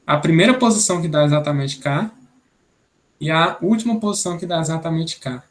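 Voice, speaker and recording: Young man from Brazil, programming instructor, raised pitch, patient, thinks aloud. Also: fairly quick. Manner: explanatory, thinks aloud, many "né?" tags. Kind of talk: online programming class.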